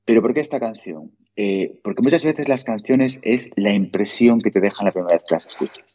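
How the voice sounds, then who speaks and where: A man's voice: fairly low pitch, lively intonation, brisk, dark tone, dull audio. A middle-aged man from Asturias, a podcast guest telling rambling stories with many restarts and imitated sounds. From Asturias, Spain. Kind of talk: casual chat.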